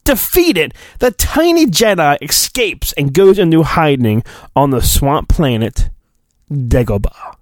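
A podcast host, a man with a slightly high, very animated voice, performs a mock-dramatic, theatrical storybook reading full of stretched-out phrasing and silly, wandering asides. The studio recording is clean, with no room sound.

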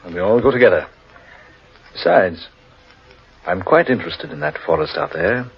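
Genteel gentleman, very raspy, lively intonation, 1940s radio drama, muffled recording. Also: low-pitched, moderate pace, full character voice. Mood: genial. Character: eager, intrigued English gentleman fond of eerie tales.

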